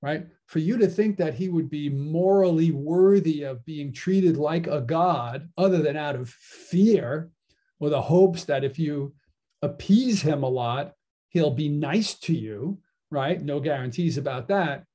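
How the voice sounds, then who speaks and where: In a relaxed philosophy lecture, a man talks through ideas conversationally, often tagging his points with "right?". His voice is mellow and on the high side.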